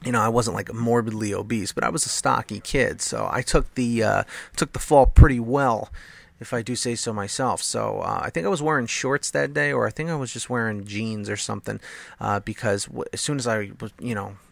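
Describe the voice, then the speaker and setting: Young male commentator, gravelly, dry close mic, rambling storyteller. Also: medium pitch, fairly quick, no room sound. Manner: rambling, filler-heavy, acts out quoted voices. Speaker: gameplay commentator. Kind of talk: casual storytelling over gameplay.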